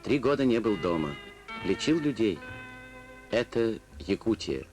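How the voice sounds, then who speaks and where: Low, lively-pitched old newsreel narrator man. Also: a little slow. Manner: terse, clipped announcing phrases. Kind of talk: documentary newsreel voice-over. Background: music.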